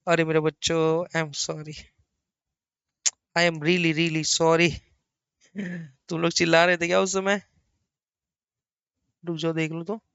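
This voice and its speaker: Middle-aged guy giving an accounting lecture, bright crisp voice, chatty, keeps repeating words, dry dull-sounding recording. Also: on the high side, slow, long pauses, no echo. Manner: chatty, teasing asides to students; animated, repeats words for emphasis. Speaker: accounting teacher. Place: small room at a laptop.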